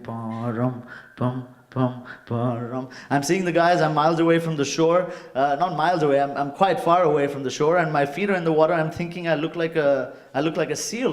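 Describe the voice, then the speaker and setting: A man's voice: a little high, echoey room. A man from India telling a suspenseful personal story to a live audience, acting it out with sound effects. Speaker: speaker. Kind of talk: storytelling talk on stage. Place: stage before a live audience.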